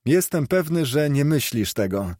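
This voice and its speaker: A man doing a cheerful young nephew in a storybook reading, his voice lifted well above the reader's own. He calls out his lines eagerly and warmly. The sound is close and dry. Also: fairly high pitch, big pitch swings, unhurried, no echo, voice pushed up. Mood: cheerful pleading. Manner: bright, eager exclamations. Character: cheerful warm-hearted young male nephew.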